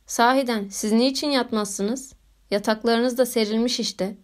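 A woman's voice: on the high side, fairly even intonation, unhurried, lightly acted. A woman voicing a grown woman who teases and mocks two boys with playful scorn. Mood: teasing. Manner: mocking, playful. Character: teasing, mocking grown woman.

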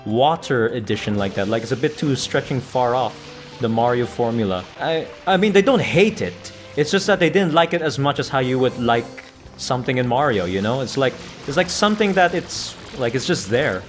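A man doing let's play commentary, chatty and breaking into excited yelling at the game. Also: mid-range voice, moderate pace. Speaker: gaming YouTuber. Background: faint game music.

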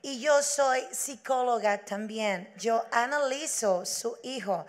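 A woman voicing a female school psychologist who lectures slowly and softly. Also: a little high. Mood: lecturing. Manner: slow, measured, soft-spoken, preachy.

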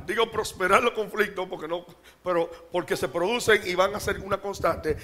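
A man preaching a sermon to his congregation, animated and joking, calling out rhetorical questions and laughing often. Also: very high-pitched. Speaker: pastor.

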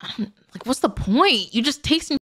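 A woman's voice: sits high, lively intonation, moderate pace, pushed and bright. A woman streamer reacting live to a video, blunt and full of slang. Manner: slangy, blunt, says "bro" often.

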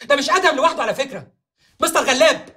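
A wheedling Egyptian lackey. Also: male voice, very high-pitched, lively intonation, rapid-fire, pushed and bright, full character voice. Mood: pleading. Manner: pleading, wheedling. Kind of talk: comedy series acting.

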